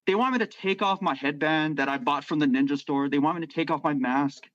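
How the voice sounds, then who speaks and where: A man's voice: on the high side, brisk, a bit bright, no room sound. A man rambling in a played clip, hesitant and full of fillers. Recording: dull lo-fi clip audio.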